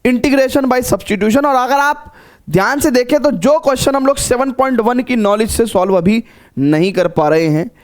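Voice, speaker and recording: A man's voice: extremely high pitch, moderate pace. A man giving a math lecture to students, repeating phrases and checking in often. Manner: coaxing, repeats phrases with frequent check-ins. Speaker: math teacher. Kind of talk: classroom lecture.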